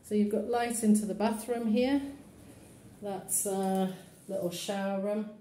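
Speaking at a measured pace with fairly even intonation, a woman estate agent with a dark, medium-pitched voice tours an empty, run-down townhouse on her handheld phone. She points out its features matter-of-factly, amid echoey bare rooms, faint ambience and slight background noise.

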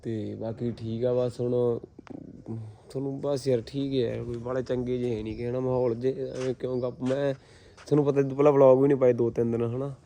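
A man's voice: medium pitch, little pitch movement, brisk, mellow. A man with a Punjabi accent vlogging casually in an earthy, colloquial way, swearing now and then as he rambles to his viewers. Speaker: vlogger, pigeon keeper. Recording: clear background noise with birds.

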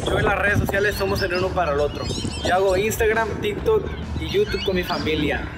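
Teen guy from texas on a tv talent show, kinda high voice, shy polite answers, music playing behind. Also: a little fast. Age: teens. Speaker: contestant. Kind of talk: contestant intro voice-over and stage replies. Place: TV studio stage. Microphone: handheld mic. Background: studio music.

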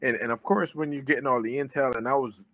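A fast-talking man with a medium-pitched, slightly bright voice speaks as a guest on a video call, using a webcam and earbuds in his living room. Born in Jamaica and raised in Brooklyn, the army veteran and pro boxer keeps it loose, swearing freely and dropping lots of fillers.

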